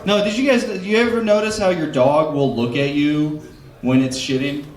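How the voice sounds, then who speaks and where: A man with a fairly high voice does stand-up at an open mic, rambling and chatting with the crowd. His delivery is loose and full of asides. The sound rings around a roomy club. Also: moderate pace. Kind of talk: stand-up comedy with crowd work. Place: comedy club stage.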